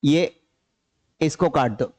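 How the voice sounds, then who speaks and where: A man's voice: on the high side, slow, darkish tone. A man teaching a grammar class, repeating key points and asking questions he answers himself. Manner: repeats key points, explains in Hindi mixed with English terms. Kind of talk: classroom lecture.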